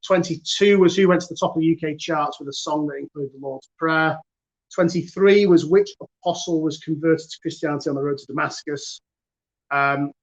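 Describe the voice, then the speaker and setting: A man's voice: a little high, muffled recording. A man with a Northern English accent hosting a casual online quiz, chatty and self-mocking, with lots of fillers. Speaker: quiz host.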